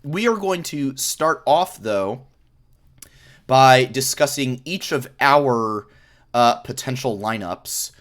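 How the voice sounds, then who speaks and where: Male host for a casual gaming stream; measured, slow pace, playful tone. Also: mid-range voice, expressive, fairly bright tone. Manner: joking, laughs often. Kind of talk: casual esports stream chat.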